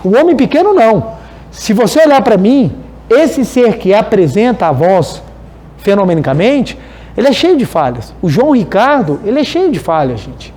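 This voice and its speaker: A man with a Brazilian Portuguese accent giving a religious study talk, animated and telling stories while speaking straight to his audience. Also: high-pitched, moderate pace. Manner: animated, storytelling, addresses the audience directly. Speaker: spiritual lecturer.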